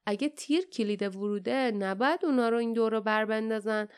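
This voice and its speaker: A woman voicing a steady grown warrior who speaks plainly and matter-of-factly. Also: on the high side, smooth, lightly acted.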